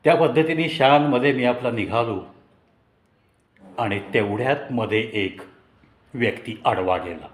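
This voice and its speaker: A man narrating a personal story in a conversational, reflective way with dramatic pauses. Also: mid-range voice. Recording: echoey room.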